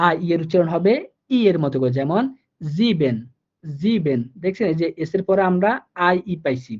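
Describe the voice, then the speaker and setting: A man's voice: a little high, darkish tone. A man with a Bangladeshi Bengali accent teaching German pronunciation, patiently repeating each rule and checking that his students follow. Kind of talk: online language lesson. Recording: dull, muffled lo-fi recording.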